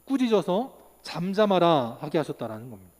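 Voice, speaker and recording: A man's voice: fairly high pitch, brisk. A man in his thirties preaching a sermon as pastor, asking rhetorical questions and acting out the people in his stories. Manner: animated preaching, acts out quotes, rhetorical questions. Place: church sanctuary. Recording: long reverb of a church hall.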